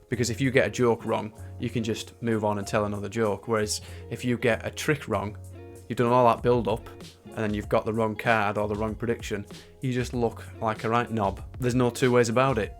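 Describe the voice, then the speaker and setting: An English man narrating his own career story in a candid, colloquial, self-deprecating way. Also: mid-range voice. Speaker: stand-up comedian and former magician. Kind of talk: conversational video narration about own career. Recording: music playing behind the voice. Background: background music.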